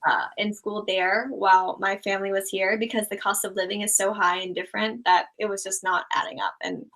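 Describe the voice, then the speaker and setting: Through a low-quality recording, this young Thailand-raised YouTuber talks briskly in a mid-range voice as an interview guest. She's easygoing and meandering, her speech packed with "um" and "like."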